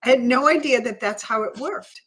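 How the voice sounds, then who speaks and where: A woman with a slightly high voice tells a personal story as a podcast guest. She speaks earnestly and with feeling, often restarting her sentences as the memory moves her. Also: a bit bright, husky. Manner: earnest, emotional, halting restarts.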